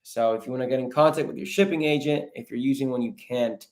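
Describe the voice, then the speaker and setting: Quick-paced and darkish in tone, his medium-pitched voice carries a laid-back livestream where he fields viewer questions. It's an informal coaching session for online sellers, and he keeps addressing the audience as "bro" and "guys."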